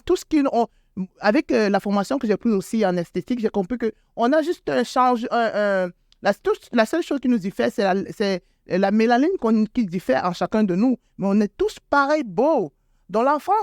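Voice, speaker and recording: A fairly high-pitched woman's voice, clean studio sound with no room reverb. The speaker, a beauty salon owner appearing as a guest and an adult with school-age children, answers interview questions haltingly, repeating words and leaning on fillers, and her pitch climbs sharply when she stresses something.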